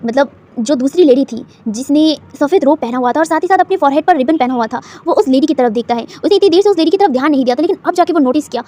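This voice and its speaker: Woman narrator for a fan fiction retelling, rapid and high, loose and chatty. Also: a little mellow. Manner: fast, chatty, restarts, mixes English words. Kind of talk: storytelling narration.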